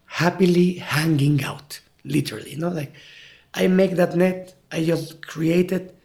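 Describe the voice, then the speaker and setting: A man's voice: fairly high pitch, creaky, darkish tone. A man from Mexico City with a Mexican Spanish accent, a native Spanish speaker and guide, talking reflectively and searching for words in an interview.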